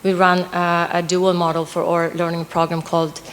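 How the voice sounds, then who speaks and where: A woman's voice: on the low side, completely flat delivery, normal speed, slight background noise. A woman from Sweden in the audience of a panel discussion, earnestly giving a long background before her question. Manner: earnest, explains at length before asking. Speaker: audience member asking a question. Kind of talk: panel Q&A, speaking from the floor. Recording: reverberant conference hall.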